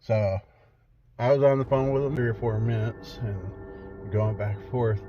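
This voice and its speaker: A middle-aged man, a paranormal investigator, casually recounts a spooky personal story in a conversational way. His voice is fairly low and unhurried, and the recording has a dull lo-fi quality beneath loud music.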